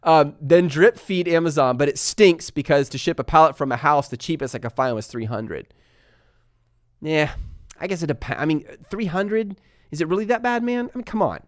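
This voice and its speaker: A man from Texas and California hosting a casual live stream, talking fast and energetically while reading viewer comments aloud. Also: fairly high pitch, no room sound, studio quality. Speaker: livestream host answering viewer questions.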